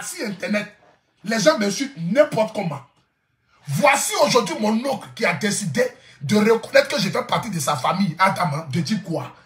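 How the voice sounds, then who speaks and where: A man's voice: high voice, fairly bright tone, reverberant. A man telling a comic vlog story, boisterous, laughing often and repeating his phrases. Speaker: social media influencer. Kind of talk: casual comic vlog monologue.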